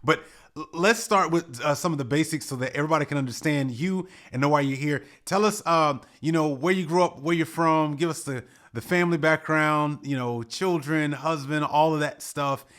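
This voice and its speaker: A man's voice: on the high side, moderate pace, a bit bright. Rambling male podcast host. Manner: rambling, self-correcting questions. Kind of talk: conversational interview.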